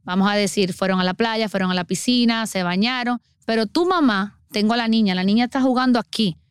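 A woman's voice: mid-range voice, smooth, no room sound, clean studio sound. A middle-aged woman, earnestly explaining child water safety as a guest on a podcast. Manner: earnest, explanatory, acts out everyday scenes.

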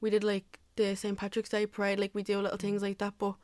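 Young girl talking cheer, flat tone, dry sound, says like every few words. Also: medium pitch, fast talker, dry recording. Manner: filler-heavy, says "like" constantly. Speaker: cheerleader and youth coach. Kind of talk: casual interview answers.

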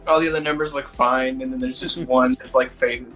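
A man's voice: mid-range voice, fairly even intonation, brisk, bright, forceful tone, soft background music, poor audio. A man playing a tabletop game, making dry wisecracks. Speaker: player. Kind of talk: casual tabletop play.

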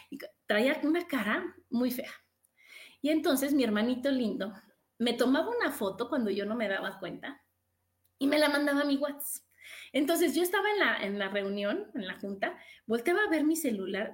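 Woman host, middle-aged, high voice, emphatic motivational talk, roomy echo. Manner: expressive, emphatic, rhetorical questions. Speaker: podcast host.

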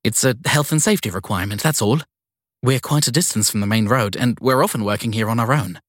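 A man voicing a nervous young woman receptionist who stammers and apologizes, his husky voice lifted high. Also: fast talker, dry recording, studio quality, lightly acted. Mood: flustered.

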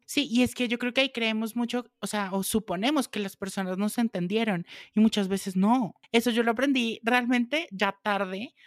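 A woman's voice: fairly high pitch, moderate pace, hardly any pauses, no room sound, studio quality. A woman hosting a podcast interview, emphatic and agreeing, asking her guest for advice. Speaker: podcast host. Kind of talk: conversational interview.

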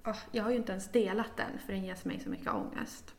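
A woman's voice: mid-range voice, wildly swooping pitch, creaky, a little mellow. A young woman co-hosting a casual podcast, speaking hesitantly with many fillers. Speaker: podcast co-host. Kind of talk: casual chat.

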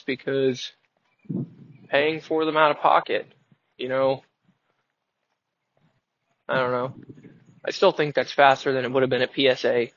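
A man's voice: mid-range voice, fairly bright tone, no echo. A man in his early twenties, host of his own show, rambling and thinking aloud in a casual, wry, self-mocking way while driving. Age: 20s. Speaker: podcast host. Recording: dull lo-fi sound.

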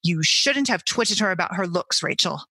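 A woman reading aloud as a reserved older guardian who speaks in a measured, earnest way. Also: on the low side, animated, bright, forceful tone, slightly rough, dry recording, full character voice. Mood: firm.

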